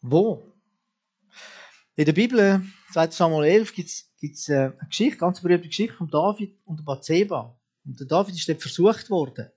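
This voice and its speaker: A man's voice: on the high side, animated, moderate pace, a little mellow, slightly rough. A man preaching a sermon, talking straight to his listeners and firing off repeated questions at them.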